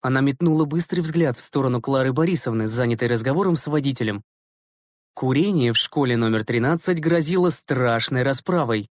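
A man narrating a story as an audiobook reader, in a measured storytelling manner. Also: medium pitch, no echo, clean studio sound. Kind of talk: scripted narration.

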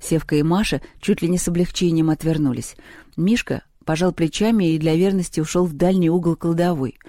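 A narrator reading a children's story aloud in an even storytelling way. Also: mid-range voice, fairly quick, no echo, studio quality. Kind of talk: audiobook reading.

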